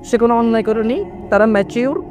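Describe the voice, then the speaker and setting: A middle-aged man preaching a sermon in an animated way, mixing in English words and acting out little dialogues. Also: very high-pitched, fast talker, music in the background. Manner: acts out dialogues in different voices. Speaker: Islamic preacher.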